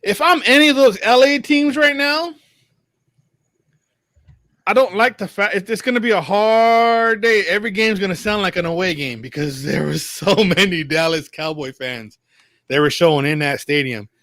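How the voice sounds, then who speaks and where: Casting: man, bright and forward tone, dry close sound, rambling opinionated sports talk. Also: sits high, moderate pace, no echo. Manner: rambling, self-correcting, emphatic opinions. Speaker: sports talk show regular. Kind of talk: casual sports chat.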